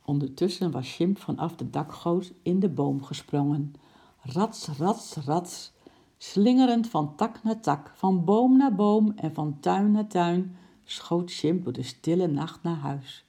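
A woman reading a children's story aloud in a lively, expressive narration. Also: fairly low pitch, a little slow.

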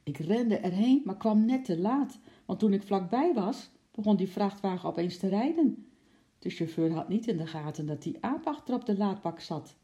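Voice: mid-range voice, lively intonation, moderate pace, dark tone, lo-fi sound, voice pushed up, close to an everyday voice. A reader doing a flustered, stammering zookeeper. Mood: gloomy. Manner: stammering and out of breath, later gloomy. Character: flustered stout male zookeeper. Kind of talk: storybook reading.

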